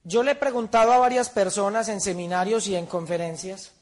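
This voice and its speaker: A man's voice: high-pitched, steady tone, a little fast, a little mellow. A man giving a motivational seminar talk, firing rhetorical questions at his audience. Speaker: seminar speaker.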